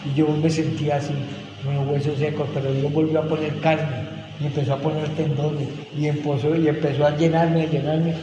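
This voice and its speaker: A man's voice: on the high side, level tone, brisk, muffled recording. A middle-aged man giving an earnest, emotional personal testimony, acting out the voices of people in his story. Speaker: testimony speaker at a rehab ministry. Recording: echoey hall with faint background noise.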